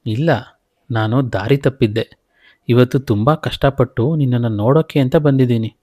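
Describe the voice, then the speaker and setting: A man's voice: medium pitch, normal speed, a little mellow, no echo, clean studio sound, natural voice. A man voicing a ghost that poses as a loving mother, coaxing and insistent.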